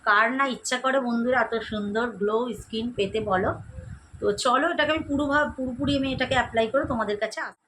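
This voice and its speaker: A woman's voice: fairly high pitch, fast talker, bright, forceful tone, slight background noise, poor audio. A young woman vlogger talking viewers through a skincare routine at home, chatty and friendly, calling them friends as she demonstrates. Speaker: beauty vlogger. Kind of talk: casual skincare tutorial. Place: at home, indoors.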